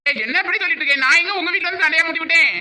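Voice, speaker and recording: A woman's voice: extremely high pitch, very fast, heavy background noise. A woman with a Tirunelveli Tamil accent, voicing cartoon comedy in a complaining, protesting way. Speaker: voice actor.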